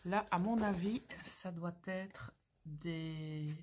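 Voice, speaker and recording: Unboxing items on her craft channel, a woman talks casually and gushes with slangy, exclamatory excitement. Her lowish voice draws out words, over slight background noise.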